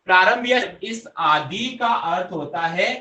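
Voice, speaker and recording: A young male teacher with a high, bright voice leads an online grammar class. He coaxes his students, repeats his own questions and answers them himself. The sound bounces around an echoey room. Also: lively intonation, a little slow. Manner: coaxing, addresses students directly.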